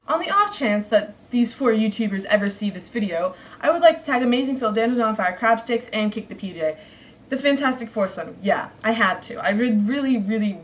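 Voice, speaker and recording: A young woman gushing excitedly to camera in a survey vlog, heard a little away from the mic. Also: on the high side, far from the mic, a little hiss or hum. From United States. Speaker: YouTuber.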